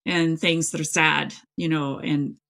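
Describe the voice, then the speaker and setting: Slightly slow and creaky, her low voice is a bit bright, with fairly even intonation. The speaker, a middle-aged author from East Tennessee, United States, is an interview guest talking in a casual, emphatic, rambling way during a chatty conversation.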